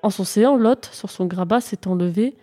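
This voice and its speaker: Mellow woman reading verse tales. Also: mid-range voice. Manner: measured verse recitation. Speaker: reader. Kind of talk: reading classic French verse tale aloud.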